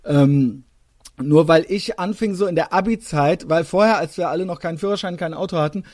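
A man in his thirties, from western Germany, hosts a relaxed podcast conversation. His voice sits a little high for a man, and it sounds close and dry, with no room around it. He talks in loose, hesitant runs full of small filler sounds. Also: a little fast, no echo. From Koblenz, Germany. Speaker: podcast host. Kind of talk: casual podcast chat.

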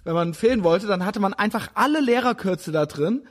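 A man with a high, husky voice talks in loose, casual podcast chat. He rambles through stories in a blunt, self-mocking way. The talk feels unscripted and relaxed. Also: brisk.

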